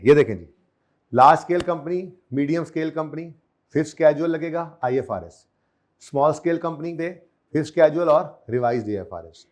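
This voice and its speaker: A man's voice: a little high, darkish tone. A man lecturing on accounting to a class, repeating key terms over and over and quizzing his students. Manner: drills terms by repetition, asks students questions.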